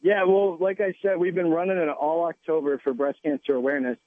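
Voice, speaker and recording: A chef calling in by phone to a radio show, relaxed and joking in casual chat. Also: male voice, on the high side, fairly quick, dry recording. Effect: voice heard over the phone. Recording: tinny phone line.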